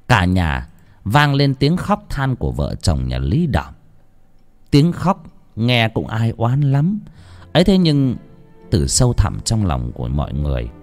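A man narrates a grim village horror tale. His delivery is dramatic and vivid, his pitch rising and falling strongly through every line. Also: darkish tone. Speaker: storyteller.

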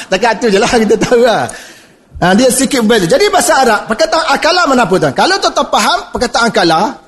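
A middle-aged man with a Malaysian Malay accent giving a lively, jokey religious lecture, often addressing his audience directly. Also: extremely high pitch.

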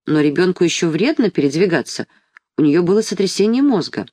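A strict, prim middle-aged nurse, voiced by the reader, a little above the reader's own pitch. She protests in an indignant, proper way. The sound is dry and close. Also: expressive, a little fast, a little mellow, dry recording, lightly acted.

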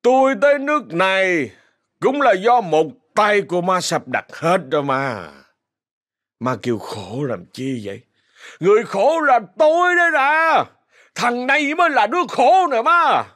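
A man's voice: on the low side, normal speed, few pauses, no room sound, clean studio sound, natural voice. A man voicing a drunken, bitter young husband who lashes out. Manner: slurring, lashing out.

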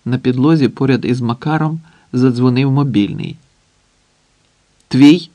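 Measured male audiobook narrator. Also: medium pitch, mellow, no room sound.

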